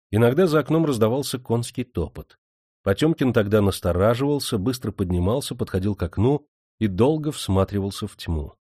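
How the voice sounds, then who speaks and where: A man reads a historical audiobook in a measured, even storytelling manner. His voice is lowish and mellow, recorded close on a dry studio mic with no room sound. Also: dry recording. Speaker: audiobook narrator. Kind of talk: scripted narration.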